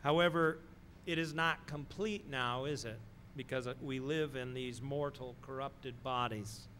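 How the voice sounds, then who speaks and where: A middle-aged man preaching a sermon in a slow, deliberate way, pausing often and stressing key words. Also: medium pitch, fairly even intonation, fairly bright tone, a little hiss or hum. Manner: slow, deliberate delivery with pauses and emphatic stresses. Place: church sanctuary, speaking from a wooden pulpit.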